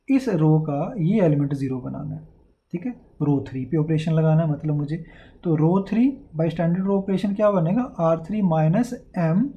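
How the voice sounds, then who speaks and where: A man's voice: a little high, warm tone, lo-fi sound. Patient man teaching math step by step. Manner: patient, step-by-step, often checks in. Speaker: math lecturer. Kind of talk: classroom lecture, Hindi mixed with English.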